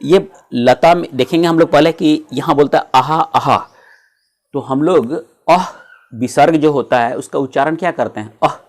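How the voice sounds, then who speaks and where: A man teaching Sanskrit grammar in a video lesson, slowly reciting word forms and often stopping to check that viewers follow. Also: on the high side. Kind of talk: classroom-style video lesson.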